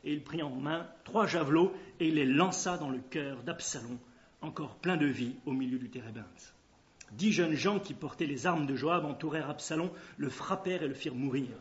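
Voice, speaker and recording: A man reading scripture aloud at a steady pace, with occasional hesitations. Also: a little high, normal speed. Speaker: reader. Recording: dull lo-fi recording.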